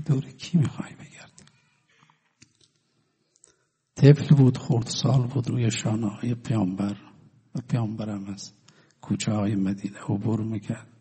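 A man preaching a sermon, telling stories and swinging between loud declaiming and hushed, drawn-out words. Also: lowish voice, gravelly, husky, long reverb tail. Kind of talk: religious sermon with storytelling.

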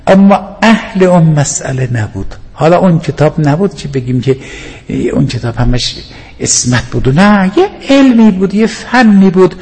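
A man's voice: on the high side, creaky, darkish tone, in a large hall. An older man preaching a sermon as a cleric, emphatic and scolding at times, quoting Arabic verses.

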